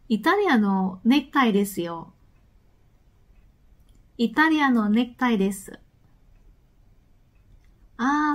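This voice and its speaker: A woman hosting an online language lesson, saying each example sentence slowly and carefully and repeating it for practice. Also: fairly high pitch. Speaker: Japanese language teacher and channel host.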